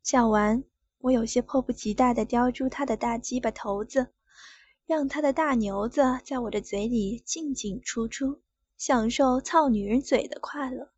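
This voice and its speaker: A woman narrating a first-person adult erotic audio story in a breathy, lingering way. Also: a little high, moderate pace, a little mellow, dry recording. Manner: breathy, lingering delivery with whispered passages. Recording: dull lo-fi audio, dry.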